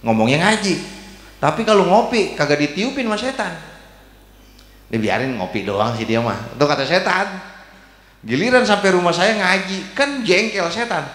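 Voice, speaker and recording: A man's voice: high-pitched, lively intonation, normal speed, a bit bright. A man preaching a humorous sermon, joking and teasing the congregation in colloquial speech. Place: mosque hall. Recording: echoey mosque hall with long reverb.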